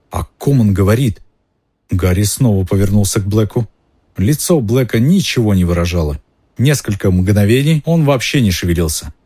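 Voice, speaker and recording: Reader a man narrating a novel, low dark husky voice, steady delivery. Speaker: audiobook reader. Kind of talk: reading a novel aloud.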